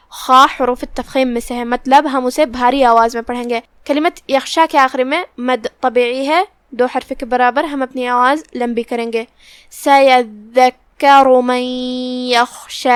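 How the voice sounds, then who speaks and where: A high, smooth woman's voice explains pronunciation rules patiently, one letter at a time. She then chants verses slowly and carefully, stretching the long vowels. The sound is close and dry. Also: no echo. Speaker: Quran recitation teacher. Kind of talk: tajweed lesson with slow recitation.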